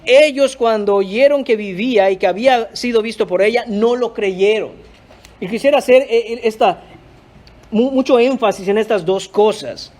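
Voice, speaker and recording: A man's voice: high voice, moderate pace, darkish tone. A male pastor preaching a sermon, emphatic, often calling out to the congregation. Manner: emphatic, repeatedly addressing the congregation.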